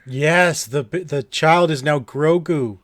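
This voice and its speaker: A man's voice: on the high side, slow pace, fairly bright tone, no echo. A man co-hosting a podcast, chatting casually and enthusiastically, with many fillers and restarts. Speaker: podcast co-host. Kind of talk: casual chat.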